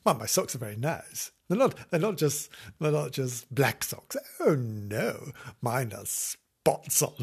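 A man's voice: medium pitch, big pitch swings, a little slow, vocal fry, husky. A man hosting his own podcast, chatting alone in a rambling, playful way and laughing often at himself. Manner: giggly, playful, talks to himself. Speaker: podcast host. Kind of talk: rambling solo podcast chat.

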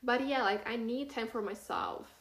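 A woman's voice: fairly high pitch, huge pitch swings, normal speed, gravelly, fairly bright tone. Teen girl rambling on her podcast, lots of "like" and "you know", sore mouth from braces, kinda roomy echo. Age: teens. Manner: chatty, rambling, many fillers and "you know". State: talking through a sore cut cheek from braces. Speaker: podcast host. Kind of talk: casual solo podcast monologue. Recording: echoey room.

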